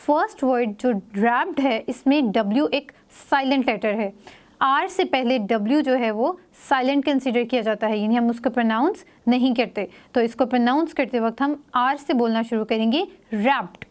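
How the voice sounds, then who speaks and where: A woman teaching phonics to young children, reading English example sentences slowly and explaining each sound in Hindi-Urdu. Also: on the high side, a little mellow.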